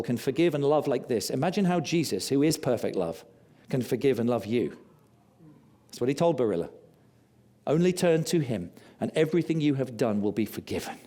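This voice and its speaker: A man preaching a sermon, telling stories with passion and dropping low and quiet for confession. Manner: impassioned storytelling, rising loud on key lines.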